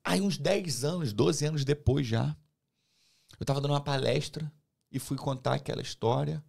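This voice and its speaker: A man's voice: fairly high pitch, moderate pace, creaky. A Brazilian man, a teacher, telling a personal faith story and acting out the dialogue of the people in it. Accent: Brazilian Portuguese. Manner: animated, acts out quoted dialogue. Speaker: guest, teacher.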